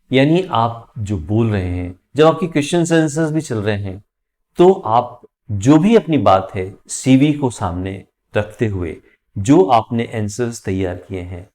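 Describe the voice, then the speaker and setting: A man with an Indian accent teaching interview communication skills, speaking clearly with deliberate pauses and emphasis. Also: on the low side, a little mellow. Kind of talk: instructional talk to camera.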